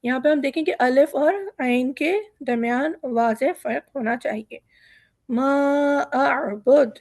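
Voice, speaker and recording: A woman teaching Quran recitation, reciting verses slowly and drawn out, then patiently explaining how each letter is pronounced step by step. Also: high-pitched, darkish tone, dry recording, clean studio sound. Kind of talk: online recitation lesson.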